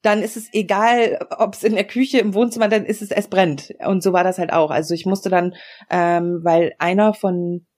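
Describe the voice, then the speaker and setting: Frank, matter-of-fact woman with a mellow, husky voice. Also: fairly low pitch, steady tone, moderate pace. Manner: frank, matter-of-fact explanations with frequent fillers. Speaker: interview guest. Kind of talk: personal storytelling in a podcast interview.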